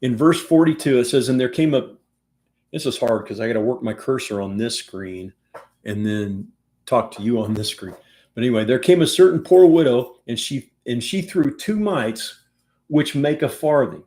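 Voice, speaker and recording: A man teaches a Bible study from a room in his house and speaks to his class over a video call. His voice is mellow and warm, at a middle pitch. He talks casually and often restarts his sentences. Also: moderate pace. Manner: conversational, with restarts and asides.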